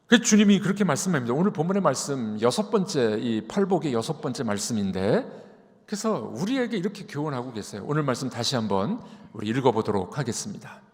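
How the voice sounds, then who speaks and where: Animated preaching man in reverberant hall. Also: medium pitch, fast talker. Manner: animated preaching, swinging loud and soft, many rhetorical questions. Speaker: senior pastor. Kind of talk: sermon. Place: church sanctuary. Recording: long reverb of a large church hall.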